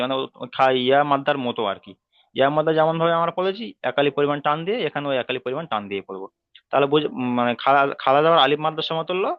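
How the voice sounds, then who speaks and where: A man teaching an online class, patiently repeating rules and drilling letter sounds slowly. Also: mid-range voice, dry recording, lo-fi sound. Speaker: Quran reading teacher.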